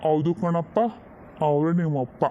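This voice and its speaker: A man's voice: a little high, flat delivery, normal speed, warm tone, highs cut off, a little hiss or hum, lightly acted. A man voicing a stern but doting old grandfather, who scolds and then turns fond. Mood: fatherly.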